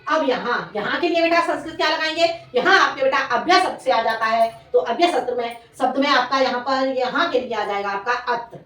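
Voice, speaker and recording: A woman teacher giving a slow, repetitive classroom lesson, dictating sentences and calling her students "beta". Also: high-pitched, a bit bright. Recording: echoey room, voice from far off.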